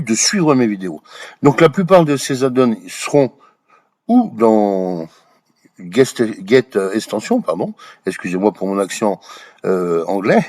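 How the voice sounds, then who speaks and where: Hesitant man teaching software, lively pitch. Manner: hesitant, many fillers and restarts, checks in with "d'accord?". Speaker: Blender tutorial creator. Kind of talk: screen-recorded software tutorial.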